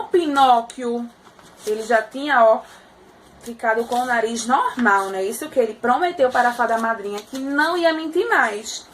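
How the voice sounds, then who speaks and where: High-voiced woman telling a kids' story. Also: slight background noise. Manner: animated, checks in with listeners. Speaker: teacher. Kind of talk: storytelling for small children.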